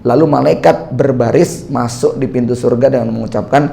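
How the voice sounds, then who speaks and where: Gravelly-voiced male preacher, conversational. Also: medium pitch, moderate pace, mellow, slight background noise. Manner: chatty, poses rhetorical questions to the audience; acts out little quoted dialogues. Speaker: Islamic preacher. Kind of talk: conversational religious lecture.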